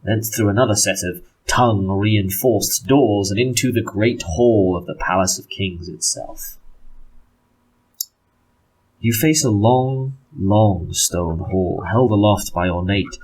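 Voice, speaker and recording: A man narrating a tabletop roleplaying game as game master, deliberate, pausing between descriptive phrases. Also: fairly low pitch, darkish tone, slightly rough, poor audio.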